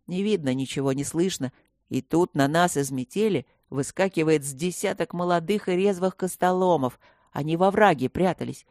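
A woman's voice: fairly low pitch, darkish tone, no room sound, clean studio sound, natural voice. A woman doing a cool, aloof young elf. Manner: cool, measured, icy tone.

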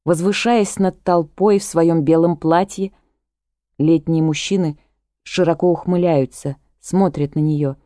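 A woman reading a literary novel aloud as audiobook narrator, in a measured, even way, close to a studio mic. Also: sits low, no room sound.

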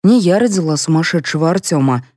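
A woman reading a composed elderly lady who speaks in a measured, reproachful way, in an audiobook. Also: low voice, animated, mellow, no echo, studio quality. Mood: cool. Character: composed elderly lady, dignified, cool-headed.

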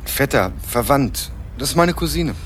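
His mid-range voice has lively intonation, a fairly bright tone, and a measured pace, with slight background noise. As a young adult narrating a radio crime drama in first person, he stays dry and laconic, a sardonic man looking for his lost cousin, music underneath.

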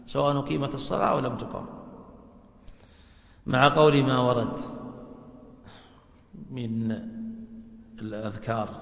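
A man's voice: medium pitch, creaky. A man, a religious scholar, teaching a class and explaining points step by step, often checking with rhetorical questions. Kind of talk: classroom lecture. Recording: echoey hall, dull lo-fi sound.

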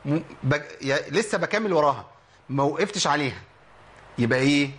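Egyptian man, recitation teacher, quick talker, slightly high voice, drills sounds slowly. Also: animated, fairly bright tone. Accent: Egyptian Arabic. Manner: explains then drills sounds slowly, asks and answers himself. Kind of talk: spoken tajweed lesson.

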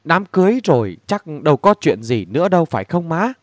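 A man's voice: fairly high pitch, very animated, a little fast, no room sound, clean studio sound. Frightened young daughter, anxious and pleading; male reader voices her.

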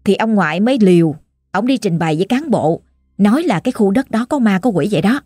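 A woman with a Southern Vietnamese accent retelling a family ghost story, lively and full of folksy exclamations. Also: medium pitch, quick pace, husky, no room sound, studio quality, soft background music.

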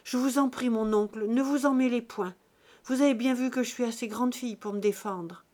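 A woman's voice: fairly high pitch, animated, moderate pace. A woman voicing a defiant young peasant woman who speaks sharply. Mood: pleading.

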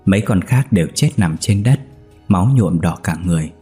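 A man reads a ghost story in a steady, suspenseful way. His voice is low and husky, with faint music playing underneath. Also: brisk. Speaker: narrator. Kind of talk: scripted ghost-story narration.

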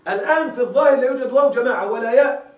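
High-voiced man teaching grammar. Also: rapid-fire, highs cut off. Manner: asks the class often if they follow; repeats key words as questions for students to answer. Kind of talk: classroom lecture. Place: classroom. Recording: roomy classroom audio from a distant mic.

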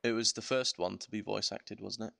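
Chill young dude on a gaming podcast, lowish voice, dry close sound, jokes around. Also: male voice, fairly even intonation, brisk, creaky, a bit bright, no room sound. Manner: jokey, laid-back, chuckles. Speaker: podcast co-host. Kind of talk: casual gaming chat.

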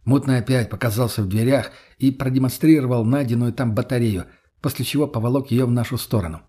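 A man narrating an audiobook in the first person, steady storytelling in a husky voice. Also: medium pitch, quick pace.

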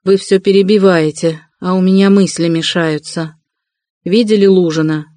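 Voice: medium pitch, fairly even intonation, normal speed, mellow, no room sound, natural voice. A worn, irritable young man who insists and commands, as the narrator reads him. Dry, close audiobook sound. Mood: irritable insistent.

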